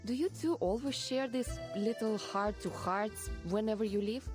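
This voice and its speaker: A woman's voice: fairly high pitch, moderate pace, close to an everyday voice. A woman voicing a brusque, impatient, teasing character in a video game. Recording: music over game dialogue.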